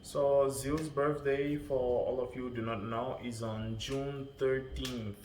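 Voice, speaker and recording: A man's voice: mid-range voice, level tone, takes it slowly, darkish tone. Man, 20s, laid-back, playful, co-host, echoey room, faint noise. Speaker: co-host, husband. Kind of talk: casual Q&A chat.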